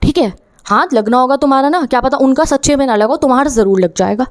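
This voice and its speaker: A young woman teacher talks fast and urgently, coaching students with direct motivational advice. Her voice sits a little high, and she slips into quick acted asides that voice what a student might think. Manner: brisk, urgent, direct, acts out students' thoughts. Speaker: teacher giving study advice.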